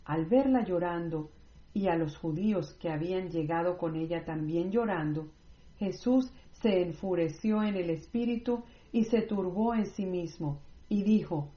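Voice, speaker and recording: A woman reading scripture aloud in a measured, scripted way, with no commentary. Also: on the low side. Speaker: Bible reader. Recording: roomy, slightly dull recording.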